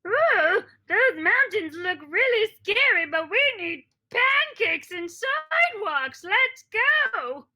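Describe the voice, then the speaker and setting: A woman voicing an excitable female pet dog in an improvised comedy game. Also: takes it slowly, hardly any pauses, heavily acted. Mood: eager. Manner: high squeaky gushing voice.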